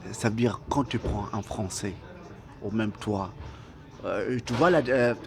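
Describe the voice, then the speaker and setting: Agreeable North African man chatting. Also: on the low side. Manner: agreeable, short back-channel replies. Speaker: guest. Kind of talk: casual café conversation. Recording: crowd noise of a fast-food restaurant.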